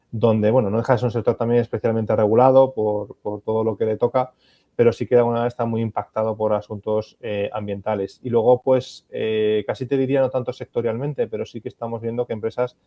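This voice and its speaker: Spanish man, panel expert, even tone, hesitant and thoughtful, dry muffled recording. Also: on the low side, no room sound. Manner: thoughtful, many fillers and restarts. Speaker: panel expert on ESG reporting. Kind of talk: conference panel answers.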